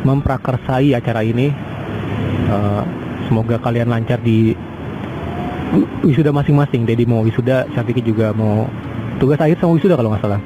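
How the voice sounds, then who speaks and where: A man's voice: mid-range voice, brisk, pauses often, highs cut off. A man in his twenties talking through a casual personal podcast monologue, rambling and hesitant with many fillers and restarts. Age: 20s. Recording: outdoor traffic noise behind.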